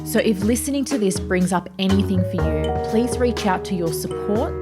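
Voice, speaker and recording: A woman's voice: medium pitch, animated, normal speed. Woman hosting over music. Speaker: podcast host. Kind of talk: scripted podcast intro. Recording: loud music bed behind voice.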